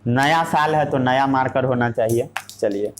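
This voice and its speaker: In a classroom science lesson, a male teacher speaks at a moderate pace in a mid-range voice. He poses rhetorical questions and answers them himself, slipping English terms into his Hindi.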